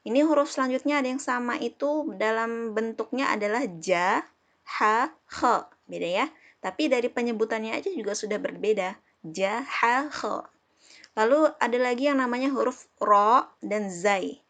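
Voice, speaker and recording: A woman from Indonesia teaching an Arabic lesson, patiently repeating herself and slowly sounding out each example. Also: on the high side, a bit bright. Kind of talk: classroom lesson explaining letters.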